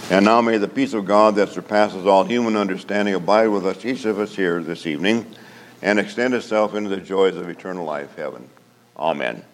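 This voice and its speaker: A man preaching as a pastor and giving a benediction into a pulpit microphone, with measured, solemn liturgical delivery. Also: low voice, a little hiss or hum. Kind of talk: sermon and benediction. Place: church sanctuary. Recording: long church hall reverb.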